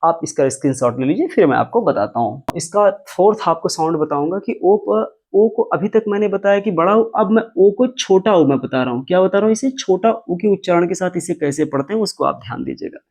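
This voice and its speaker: A man teaching pronunciation with step-by-step classroom explanations. He repeats each example word slowly and with extra stress, using patient, repetitive teacherly phrasing. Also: sits high, expressive. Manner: stretches and stresses example words, repeating them slowly and louder.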